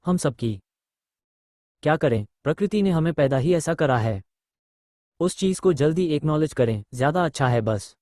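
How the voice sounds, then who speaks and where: A man's voice: fairly high pitch, warm tone, no echo, studio quality. A man, a spiritual teacher, answering audience questions bluntly and posing rhetorical questions.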